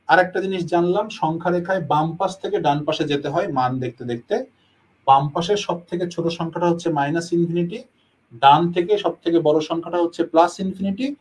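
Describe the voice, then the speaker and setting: A man's voice: on the high side, fast talker, darkish tone, rough recording. A man teaching a math lesson, explaining step by step and answering his own questions.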